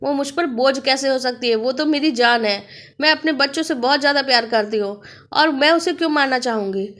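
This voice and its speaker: A woman voicing an older mother-in-law who shouts in distress in a storybook tale. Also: sits high, fairly quick. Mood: anguished. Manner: shouting, pleading.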